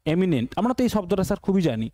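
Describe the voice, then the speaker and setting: A man's voice: high voice, sing-song, very fast, dark tone, dry recording. A man with a Bengali accent teaching an exam-prep English lesson, repeating each question and answer as a drill.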